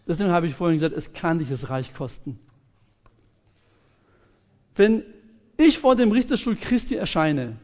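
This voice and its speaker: A man preaching a sermon, retelling a parable with lively storytelling, acting out its characters and speaking straight to his congregation. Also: a little high. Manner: addresses the congregation directly. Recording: reverberant hall, dull lo-fi sound.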